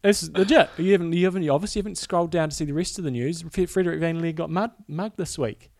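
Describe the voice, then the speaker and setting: A man with a New Zealand accent co-hosts a sports podcast. His voice has plenty of vocal fry, and he talks through the news plainly and casually. The recording is very dry. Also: on the high side, fast, darkish tone, no echo. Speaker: podcast co-host.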